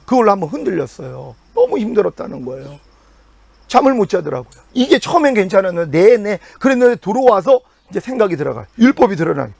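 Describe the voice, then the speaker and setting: Male pastor, middle-aged, high lively voice with gravel, preaching with big swings, dry sound. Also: fast talker, no echo. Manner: animated preaching with sudden pitch jumps and quiet drops. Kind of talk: sermon.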